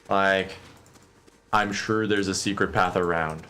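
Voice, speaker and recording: A man's voice: low-pitched, fairly even intonation, slow pace, bright, forceful tone, clear, resonant tone. A man giving casual, playful, rambling commentary as he plays a video game. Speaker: game streamer playing and narrating. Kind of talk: casual let's play commentary, reading game text aloud.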